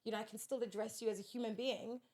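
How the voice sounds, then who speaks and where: Woman, podcast guest, somewhat high voice, direct and earnest storyteller. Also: steady tone, quick pace, darkish tone. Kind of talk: casual podcast conversation.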